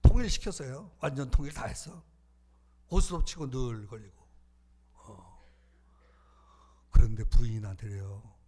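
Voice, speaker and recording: A man preaching a sermon as pastor, animated, shifting between loud calls and hushed asides. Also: mid-range voice, moderate pace, long pauses.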